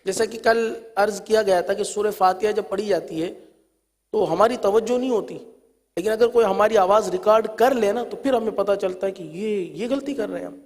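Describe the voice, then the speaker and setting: A man teaching Quran reading in a recorded lesson, explaining quickly and then drawing out each letter sound slowly and loudly. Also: sits high, long reverb tail.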